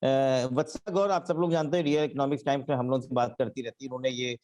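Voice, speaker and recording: A party spokesman arguing on a TV panel, emphatic, slowing down to read quotes word by word. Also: medium pitch, fairly even intonation, a little mellow.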